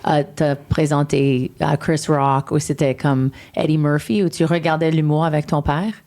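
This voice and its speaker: A woman's voice: low-pitched, fairly even intonation, normal speed, mellow. A woman hosting a podcast, asking casual follow-up questions and switching between French and English. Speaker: podcast host. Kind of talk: casual interview.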